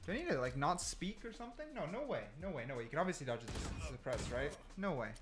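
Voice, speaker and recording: A gaming video creator talks over background music in a slightly high, very animated voice at a quick pace. His commentary is casual and unscripted, as he thinks aloud and informally corrects himself along the way.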